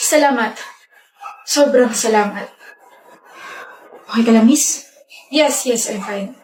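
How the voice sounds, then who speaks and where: A woman performing scripted comedy skit scenes in a lively, exclamatory way. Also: a little high, slow. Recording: echoey room with faint hum.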